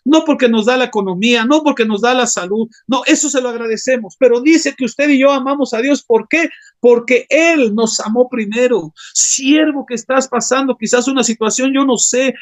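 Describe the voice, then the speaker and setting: A man preaching an impassioned sermon as a pastor, often calling his listeners brothers. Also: extremely high pitch. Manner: impassioned, keeps addressing the congregation as brothers.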